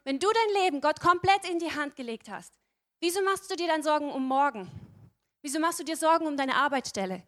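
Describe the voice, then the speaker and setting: A woman's voice: high-pitched, lively intonation, brisk, fairly bright tone. A woman giving a sermon, earnestly addressing her listeners directly and often adding a questioning "ja?". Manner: tag questions "ja?". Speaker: preacher.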